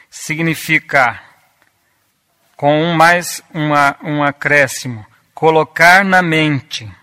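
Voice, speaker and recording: A man delivers a teaching sermon at an unhurried pace. His voice sits a little high and sounds bright and crisp. He speaks deliberately and repeats key words for emphasis. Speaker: preacher.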